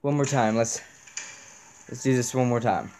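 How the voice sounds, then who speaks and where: A man's voice: medium pitch, moderate pace, a little mellow, slight background noise. A young man playing a horror game, reacting nervously and swearing as he talks through it. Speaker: gamer.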